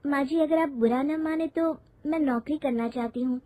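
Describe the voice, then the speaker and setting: A woman's voice: high-pitched, moderate pace, mellow, no room sound, pitched above the performer's own voice, natural voice. A woman voicing a polite, hesitant young daughter-in-law with a deferential manner in a moral story. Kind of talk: moral story character acting.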